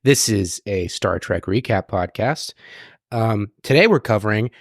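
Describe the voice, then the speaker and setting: A man's voice: on the low side, animated, a little slow, dry recording, clean studio sound. Blunt, casual man hosting a podcast. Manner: blunt, irreverent, swearing freely. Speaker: podcast host. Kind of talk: casual recap chat.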